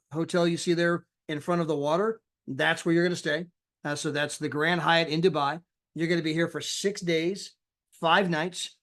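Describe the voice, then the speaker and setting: A man's voice: a little high, fairly bright tone. A man giving a chatty sales presentation over a screen share, often tagging his points with "right?" and "you know".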